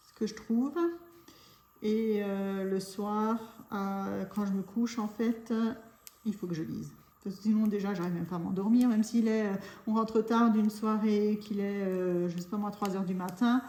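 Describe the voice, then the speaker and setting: A woman's voice: mid-range voice, mellow. A woman chatting casually for her craft channel, rambling along with lots of fillers. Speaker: craft YouTuber. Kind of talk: casual chat. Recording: echoey room.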